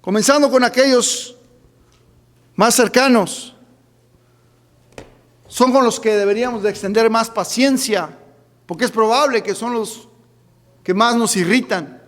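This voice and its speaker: High-voiced fervent preacher in a reverberant hall. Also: male voice, unhurried, long pauses. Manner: preaching with repeated calls of "hermano" and questions to the congregation; fervent, rising to shouts. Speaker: pastor. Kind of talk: midweek Bible study sermon. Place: church sanctuary.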